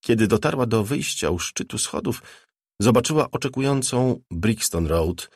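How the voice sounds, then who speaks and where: A man reading a novel aloud as an audiobook narrator, in a measured, even delivery. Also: mid-range voice, breathy edge, no echo, studio quality. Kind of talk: scripted narration.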